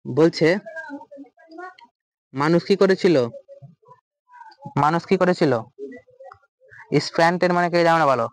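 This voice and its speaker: A man's voice: fairly high pitch, a little slow, long pauses, poor audio. A man with a Bengali accent teaching an exam-prep vocabulary lesson, asking questions and answering them himself. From West Bengal, India.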